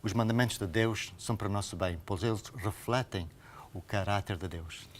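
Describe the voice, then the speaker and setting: An Angolan pastor with an Angolan Portuguese accent, appearing as a programme guest, teaches about the Bible in conversation. His lowish voice moves at normal speed, earnest and didactic with emphatic repetition, over a little hiss or hum.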